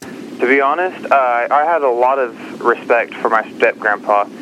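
A young man from Texas, a Marine, answers interview questions haltingly, with frequent uh fillers. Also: medium pitch, a bit bright, a little hiss or hum, low-quality recording. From Kansas-born, raised in Texas. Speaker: guest, active-duty Marine.

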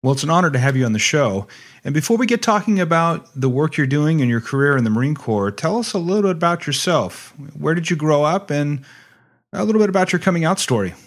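A man hosting a radio news show, reading headlines and event listings in a measured announcer's delivery, then interviewing a guest. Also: a little high, sing-song, slight background noise.

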